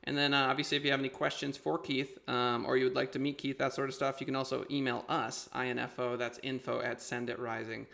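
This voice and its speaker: A man hosting an interview show, talking in a casual, informal and halting conversational way. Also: medium pitch, flat delivery, gravelly, bright, forceful tone.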